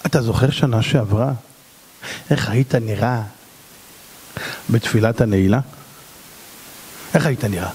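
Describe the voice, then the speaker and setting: A man, a rabbi, giving an animated sermon, swinging between loud outbursts and hushed pleading. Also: medium pitch, long pauses, in a large hall, slight background noise.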